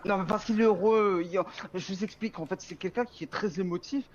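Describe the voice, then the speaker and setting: A man's voice: sits high, a little fast, highs cut off, a loud crowd. A man with a French accent roleplaying a police captain who keeps scolding his partner and repeats himself. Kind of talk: in-character roleplay. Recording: music playing in background.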